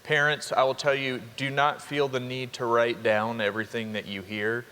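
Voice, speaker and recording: A young man, a college dean of students giving an upbeat orientation welcome to students and parents, with quick asides to the crowd. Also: mid-range voice, flat delivery, sharp tone, smooth. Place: large hall. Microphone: handheld microphone. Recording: reverberant hall with faint ambience.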